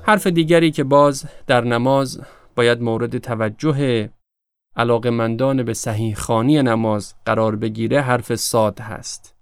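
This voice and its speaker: A man, teaching prayer pronunciation in a slow, careful instructional style. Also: mid-range voice, steady tone, smooth, dry recording, clean studio sound. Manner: slow, careful demonstration of Arabic letters. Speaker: Quran recitation teacher.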